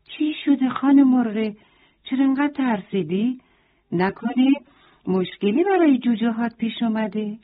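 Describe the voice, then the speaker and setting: A woman's voice: a little high, expressive, pitched above the performer's own voice. A woman voicing a worried male farmyard rooster in a children's bedtime story, crying out in alarm. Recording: tinny phone-like sound.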